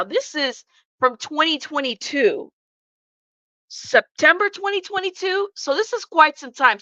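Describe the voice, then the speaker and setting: High-pitched and sharp-toned, a congested woman hosts a livestream, chatting bluntly and casually with viewers and swearing without restraint. She speaks straight to chat through a stuffed-up nose. The sound is lo-fi, with no room sound.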